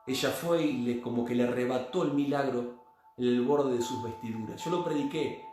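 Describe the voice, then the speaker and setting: A man with an Argentine accent preaching a sermon, swinging between loud cries and hushed tones. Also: mid-range voice, normal speed. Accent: Argentine Spanish. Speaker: pastor. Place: church. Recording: very echoey church hall with faint music.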